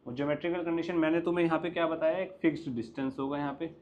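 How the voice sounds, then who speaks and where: A young man with an Indian accent teaching a maths class, lively and coaxing, often quizzing his students. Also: on the high side, very fast, dull audio. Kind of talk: classroom lecture mixing Hindi and English.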